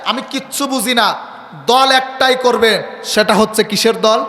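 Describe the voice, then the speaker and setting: A male preacher exhorts an open-air gathering and calls on them to answer him. His voice is high, bright and piercing. It comes through a public address system with a roomy echo. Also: measured pace. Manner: fervent, exhorting, calls for replies. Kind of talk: emotional storytelling sermon. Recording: echoey open-air PA sound.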